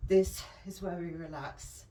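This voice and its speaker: A woman fitness instructor talks a class through a home workout, giving calm, encouraging cues at an unhurried pace. Her voice comes from some distance off the mic in a roomy, echoing space. A faint hum of background noise sits under her voice. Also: fairly low pitch. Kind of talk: follow-along workout instruction. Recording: echoey room, voice from a distance.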